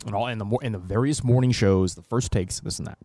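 A man's voice: lowish voice, quick pace, warm tone, no room sound. A man co-hosting a casual talk podcast, talking in long, opinionated, profane stretches. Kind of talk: casual political and media chat.

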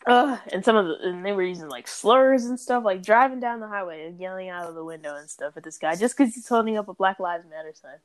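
A woman co-hosting a casual podcast, blunt and profane in fast banter. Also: fairly low pitch. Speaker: podcast co-host.

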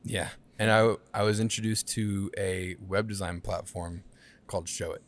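Casual man with a low voice. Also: steady tone, normal speed. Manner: casual, says "bro", hesitant fillers. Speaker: guest. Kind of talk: casual podcast chat.

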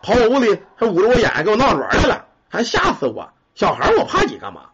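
A man's voice: sits high, huge pitch swings, fast talker, a bit bright, exaggerated voice. A man playing a hot-tempered young salesman who curses a lot. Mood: angry. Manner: cursing, blustering. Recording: muffled lo-fi recording.

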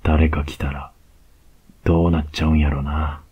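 A man with a Kansai accent playing a cocky young male student who teases his teacher, in a whispered role-play with a slow, close murmur. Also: a bass voice, flat delivery, breathy edge, muffled recording, heavily acted. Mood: teasing. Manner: slow, close, teasing murmur with soft laughs.

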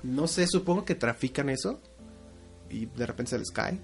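A young man with a Mexican accent co-hosts a podcast, joking and swearing while telling a story in loose, casual chat over faint music. His medium-pitched voice is expressive and moves at a moderate pace.

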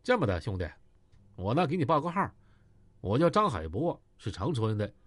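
A man voicing a cold, menacing tough man who speaks low and steady. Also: normal speed, no room sound. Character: cold tough middle-aged man, gangster ex-soldier.

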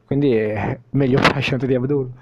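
A man's voice: medium pitch, steady tone, normal speed, very noisy. A young man hosting a casual podcast interview, asking questions in an informal, teasing way. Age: young adult. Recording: dull lo-fi sound.

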